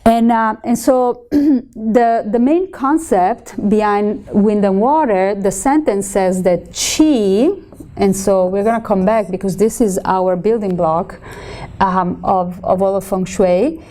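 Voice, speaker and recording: Italian woman lecturing, mellow low-key voice, lots of ums and restarts. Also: slow. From Italy. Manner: conversational teaching with frequent ums and self-corrections. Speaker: feng shui instructor. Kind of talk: live lecture to students.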